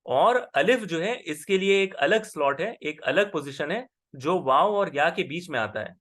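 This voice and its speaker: A man with a somewhat high voice teaches a class. He explains patiently and keeps pausing to check that the student is following. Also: lively intonation, a bit bright. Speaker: Arabic grammar teacher. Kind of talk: online class lesson.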